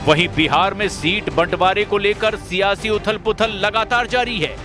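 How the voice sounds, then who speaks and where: A man reads a scripted news voice-over with assertive, crisp delivery. His voice sits fairly high, and a clear music bed plays beneath. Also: moderate pace.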